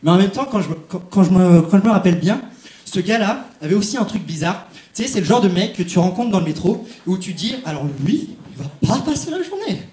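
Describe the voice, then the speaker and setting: A young male stand-up comic working a theatre crowd, chatty and direct. His voice sits fairly high for a man. The big room gives it a roomy echo. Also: fast, a little mellow. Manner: chatty, addresses the audience directly. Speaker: stand-up comedian. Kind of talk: stand-up comedy set. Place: comedy stage in a large theatre. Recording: echoey theatre.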